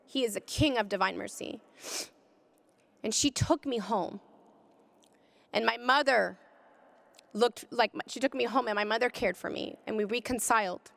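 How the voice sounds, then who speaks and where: A woman giving an impassioned personal testimony, speaking with deep feeling and rising to cries at its peaks. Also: normal speed, gravelly, long pauses, a bit bright, big-room sound. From California. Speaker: pro-life speaker. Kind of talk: emotional testimony talk.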